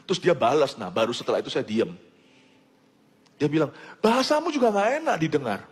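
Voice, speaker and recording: Animated, high-pitched preacher with hall reverb. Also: male voice, fairly quick, slightly rough. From Indonesia. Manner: animated, mimics sounds of foreign languages, shifts between loud and hushed. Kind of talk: sermon.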